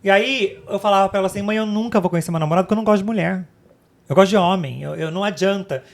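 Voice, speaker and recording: Brazilian woman podcast co-host, dramatic retelling, rapid delivery. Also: medium pitch. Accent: Brazilian Portuguese. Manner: animated, dramatic retelling, acts out quotes. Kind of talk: casual chat, personal storytelling.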